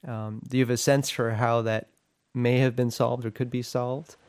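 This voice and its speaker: A man interviewing a guest, asking measured questions with fillers and pauses. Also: medium pitch, little pitch movement, darkish tone.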